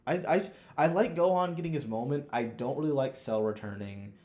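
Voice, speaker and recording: A young man co-hosts a podcast, speaking fairly quickly in a mid-range, darkish voice. In casual chat he ranks films with strong opinions, using emphatic, profane slang.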